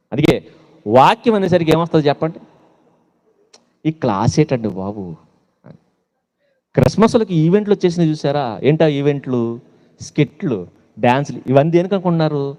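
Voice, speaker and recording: A man's voice: fairly high pitch, animated, brisk, long pauses, mellow. A man preaching a sermon to young people, asking rhetorical questions and mocking his listeners with teasing asides, with a Telugu accent. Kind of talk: sermon to youth. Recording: long hall reverb.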